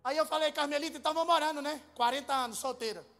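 High-voiced preacher telling funny stories. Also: male voice, rapid-fire. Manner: comic, lively storytelling that rises into loud exhortation. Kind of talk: humorous sermon storytelling.

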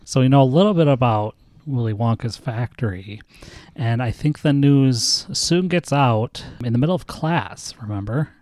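Patient American dad, mellow voice. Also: male voice, medium pitch, lively intonation, moderate pace, dry recording, studio quality. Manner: patient, teacherly, asks leading questions. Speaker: podcast host and father. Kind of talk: casual chat with his child.

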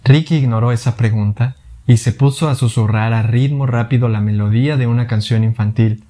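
A man reading a thriller audiobook in steady, deliberate narration. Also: mid-range voice.

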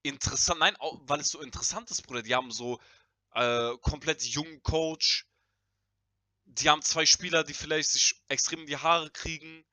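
A young man in casual, slangy debate, speaking in an animated and emphatic way. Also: on the high side, normal speed, dry recording. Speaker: podcast panelist.

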